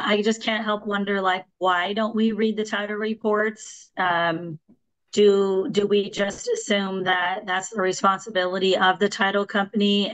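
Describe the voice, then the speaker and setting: A woman giving a meeting presentation to fellow agents, hoarse because she is losing her voice. She speaks at an average pitch and keeps stopping on ums and restarting her sentences. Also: a bit bright, poor audio. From Washington state. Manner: hesitant, many ums and restarts. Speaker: real estate agent presenter.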